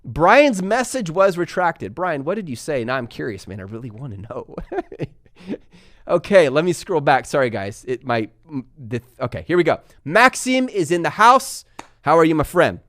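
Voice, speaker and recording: A man from Texas and California hosting a casual live stream, talking fast and energetically while reading viewer comments aloud. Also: on the high side, sing-song, a bit bright, no room sound, clean studio sound. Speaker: livestream host answering viewer questions.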